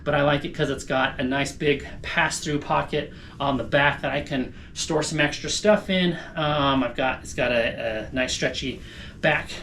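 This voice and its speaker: A man's voice: on the high side, normal speed, fairly bright tone, a little hiss or hum. A man talking casually to camera as a running vlogger, explaining things informally and thinking aloud. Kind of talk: casual vlog talk to camera.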